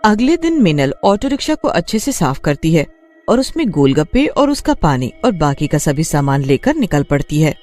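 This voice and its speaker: Sitting low in pitch, a woman narrates a scripted story with lively intonation that rises and falls freely. Faint music plays behind her.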